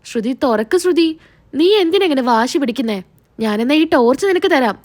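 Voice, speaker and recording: Woman reading a scheming young man, pushy and resentful, coaxing then threatening, high light voice, serial recap. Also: lively intonation, moderate pace, a little mellow.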